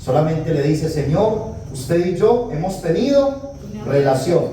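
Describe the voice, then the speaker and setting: A man's voice: on the high side, sing-song, a little slow, warm tone. A man giving a retreat talk as a priest, telling scripture stories and acting out the dialogue with humor. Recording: echoey hall, distant mic, faint noise.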